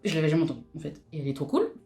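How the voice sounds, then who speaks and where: A woman's voice: low-pitched, very animated, rapid-fire, creaky, dark tone, soft background music. A young woman chatting casually and laughing as she does her makeup for a vlog, with lots of fillers and restarts. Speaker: beauty vlogger. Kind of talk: casual chat while doing makeup.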